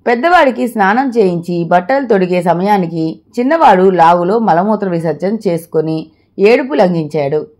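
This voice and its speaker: A woman storyteller reading moral stories aloud in a measured, friendly manner. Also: fairly low pitch, animated, darkish tone.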